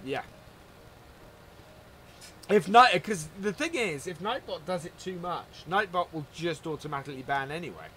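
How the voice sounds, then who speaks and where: A man's voice: a little high, animated, normal speed, pauses often, fairly bright tone, slight background noise. A man hosting a live gameplay stream, chatting casually and greeting viewers by name while he plays. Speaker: livestream host.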